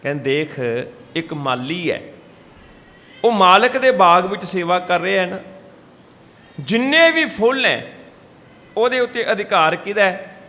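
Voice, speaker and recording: A man's voice: high voice, sing-song, a little slow, pauses often, bright, forceful tone, long reverb tail. A man giving a Sikh scripture talk, telling stories and changing his voice for the people he quotes. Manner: storytelling, shifts voice for quoted speakers. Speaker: katha preacher. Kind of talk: Sikh scripture exposition with sung verses. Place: gurdwara hall.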